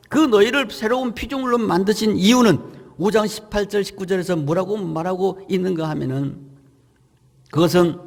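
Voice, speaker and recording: A middle-aged male pastor delivers a sermon in a high, gravelly voice. He drives his points home with emphatic rhetorical questions. His voice rings out with the long reverb of a church sanctuary. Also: a little mellow.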